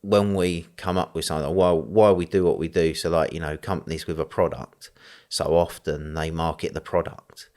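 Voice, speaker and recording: A man with a strong East London accent talks as an interview guest, his voice sitting very low. He rambles, fills pauses with ums and you-knows, and laughs easily as he goes. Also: fairly even intonation, darkish tone. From East End of London, England. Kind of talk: conversational interview.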